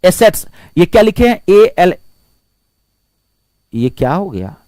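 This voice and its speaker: A man's voice: sits high, very animated, slow, dark tone, no echo. A man teaching English grammar in a Hindi-language classroom lecture, spelling words out letter by letter and asking his students rhetorical questions.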